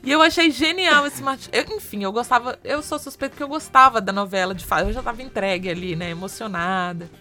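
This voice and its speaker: A Brazilian woman co-hosting a podcast, her voice set a little high and bright, almost sharp. She talks in a chatty, enthusiastic, gossipy way, with faint music behind her. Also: brisk, few pauses. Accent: Brazilian Portuguese. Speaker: podcast co-host. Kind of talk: casual chat about TV soap operas.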